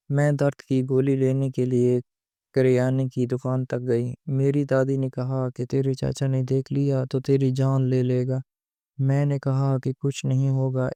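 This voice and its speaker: A man reading a scripted story aloud as narrator, in a steady, even way. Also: medium pitch, smooth, no echo, clean studio sound.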